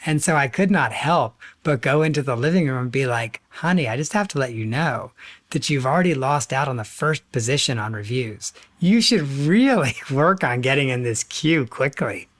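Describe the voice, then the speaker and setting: A man's voice: medium pitch, lively intonation, normal speed, a bit bright. A man hosting a podcast interview, upbeat and enthusiastic. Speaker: podcast host.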